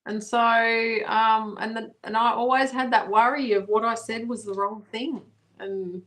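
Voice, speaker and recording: A woman's voice: a little high, fairly even intonation, measured pace, a bit bright. Hesitant woman chatting on a video call. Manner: hesitant, many ums and restarts. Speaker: co-host of a live wellbeing chat. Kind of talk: casual live chat.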